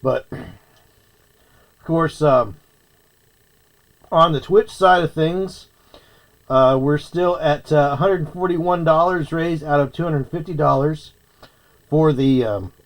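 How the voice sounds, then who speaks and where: A man chatting casually on a livestream while he eats, sometimes talking with his mouth full. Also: mid-range voice. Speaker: streamer.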